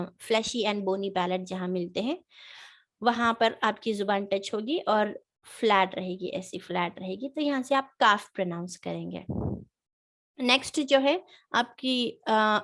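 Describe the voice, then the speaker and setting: A woman's voice: mid-range voice, a bit bright. Patient woman teaching letter sounds. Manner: patient explaining, many fillers, demonstrates sounds slowly. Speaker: Quran reading teacher. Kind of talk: online tajweed lesson.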